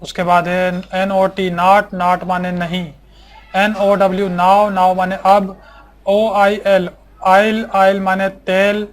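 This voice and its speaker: A man teaching a basic English vocabulary lesson, spelling each word letter by letter and repeating it slowly. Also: high voice, monotone.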